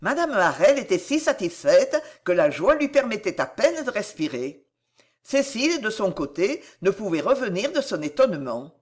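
A woman narrating a classic novel in a measured, expressive literary reading. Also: mid-range voice. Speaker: audiobook narrator.

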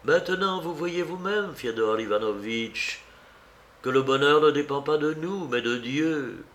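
A man voicing a grave, restrained young woman in an audiobook, speaking softly. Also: a little high, a little slow, pitched above the performer's own voice. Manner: soft, hushed.

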